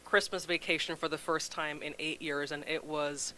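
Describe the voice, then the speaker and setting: A woman in her forties from Jamaica with a Jamaican accent, a guest chatting casually on a local talk show, laughing easily and trailing off softly. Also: low-pitched, flat delivery, normal speed, a little hiss or hum, rough recording. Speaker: guest from a food bank. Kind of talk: casual interview chat.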